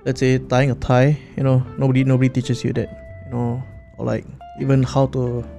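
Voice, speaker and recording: A man's voice: mid-range voice, monotone, fairly quick, vocal fry, dark tone. A man chatting casually, hesitant and often repeating his words. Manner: hesitant, repeats words, frequent "you know". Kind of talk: casual chat. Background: faint guitar music.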